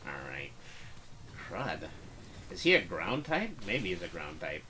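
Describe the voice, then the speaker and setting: A man's voice: deep voice, very animated, a little slow, bright, forceful tone, slight background noise. A man giving casual, understated commentary as he plays a game, half talking to himself. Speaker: gamer narrating a playthrough. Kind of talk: casual game commentary, reading dialogue aloud.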